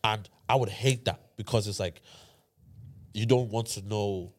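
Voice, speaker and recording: A young man in a casual group chat, telling stories in an animated, slangy way. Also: fairly low pitch, unhurried.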